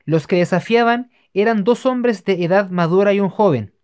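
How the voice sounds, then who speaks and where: A narrator giving a steady, measured scripted reading of religious history. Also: medium pitch, clear, resonant tone.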